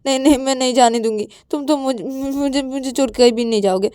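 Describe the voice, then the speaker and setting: A woman's voice: high-pitched, fast, warm tone, clean tone, no echo, clean studio sound, lightly acted. A woman voicing a clingy, tearful young woman who stammers and repeats her words. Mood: pleading.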